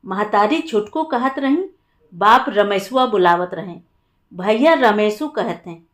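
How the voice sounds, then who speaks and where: A woman's voice: medium pitch, animated, measured pace, natural voice. A woman doing a stubborn rustic male servant.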